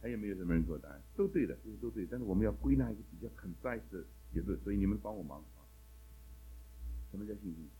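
A man's voice: fairly low pitch, expressive, very fast, warm tone, husky, low-quality recording. A man teaching a Bible class in a sermon style, asking the class one question after another and mixing English words into his talk.

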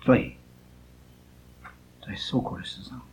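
A man's voice: slow, a little mellow, slight background noise, rough recording. A man teaching a Bible class, scolding students and drilling them with pointed questions.

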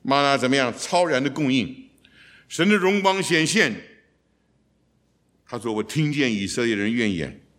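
Man, Bible teacher, expository teaching, mid-range voice, lively, rhetorical questions, English phrases mixed in. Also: mid-range voice, normal speed, long pauses.

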